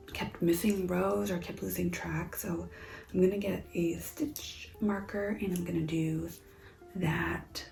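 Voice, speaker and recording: A woman's voice: mid-range voice, vocal fry, warm tone, reverberant, rough recording. A woman vlogger chatting casually at home, half-whispering and rambling about her crafting. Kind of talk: casual chat. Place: home, indoors.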